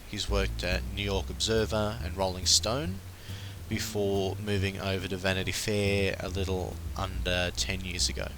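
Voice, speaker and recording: This pop culture podcast host is an Australian man getting over the flu, and he talks casually on his own with plenty of ums and uhs. His fairly low voice has a sharp edge. The audio is poor, with a little hiss or hum.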